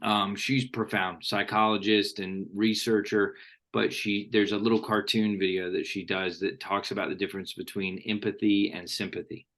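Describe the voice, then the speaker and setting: Male host, very low voice, thoughtful and sincere. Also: little pitch movement, fairly bright tone. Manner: earnest, quotes thinkers, slows for emphasis. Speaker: podcast host. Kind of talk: reflective interview talk.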